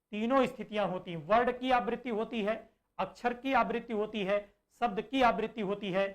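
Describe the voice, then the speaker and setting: In an online lesson preparing students for exams, a man explains slowly, goes back over points, and fields his own questions. He has a high voice.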